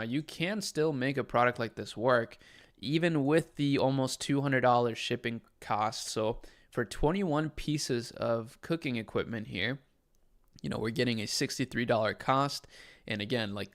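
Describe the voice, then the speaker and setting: A young adult man from Chile, casually chatting as a livestream host and answering viewers' questions. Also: mid-range voice. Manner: relaxed, conversational, answers chat questions.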